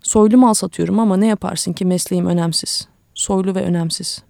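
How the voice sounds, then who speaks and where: A woman reader voicing a sick old grandfather who sells flowers, speaking in a weary, reflective, kindly way with a gravelly tone. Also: fairly low pitch, steady tone, a little fast, mellow, no echo, studio quality.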